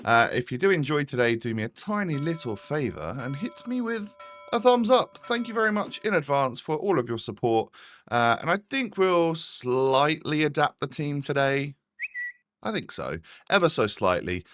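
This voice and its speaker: This British gaming host sounds tired and slightly congested as he offers chatty, casual gameplay commentary. His voice is on the high side, expressive and fairly bright, at a normal speed.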